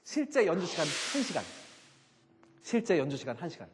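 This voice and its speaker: A middle-aged man giving a joking, animated lecture on classical music to a live audience, full of rhetorical questions. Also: fairly high pitch, brisk, in a large hall, noisy background.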